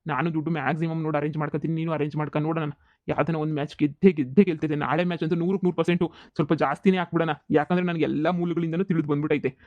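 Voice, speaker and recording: A man's voice: fairly high pitch, fairly even intonation, racing, dry recording, highs cut off, close to an everyday voice. A man voicing a cocky older village brother in a cartoon comedy, bossy and sure of himself. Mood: assured. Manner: confident, bossy, reassuring.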